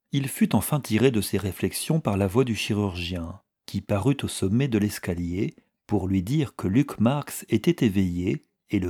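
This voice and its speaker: A man narrates a novel in a measured, even way. His voice is husky and dark, pitched somewhat low. The reading keeps a steady storytelling pace.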